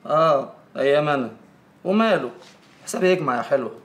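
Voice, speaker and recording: An actor playing a sarcastic, taunting Egyptian ex-husband in a film drama. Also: male voice, on the high side, expressive, fast, slight background noise, natural voice.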